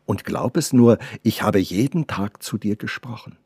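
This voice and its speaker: Male reader as ardent young artist, a bit louder and higher than his narration, husky. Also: lively intonation, normal speed, no room sound, studio quality, exaggerated voice. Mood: tender. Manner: fervent, declaiming. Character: passionate young male sculptor, devoted lover.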